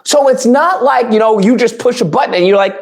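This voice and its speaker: A man giving casual reaction commentary, mocking and animated, often breaking into laughter. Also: extremely high pitch, fairly quick.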